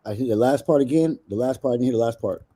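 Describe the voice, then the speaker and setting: A man's voice: medium pitch, fast talker, dark tone, husky. A man co-hosting a casual talk show, explaining himself in defensive, rambling bursts with many restarts. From Honduran family, raised in America. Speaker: co-host. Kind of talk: casual debate chat.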